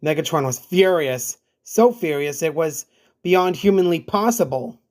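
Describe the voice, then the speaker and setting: A man's voice: on the high side, expressive, measured pace. A man reading a scripted creepypasta as narrator, with music playing behind him. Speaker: horror story narrator. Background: background music.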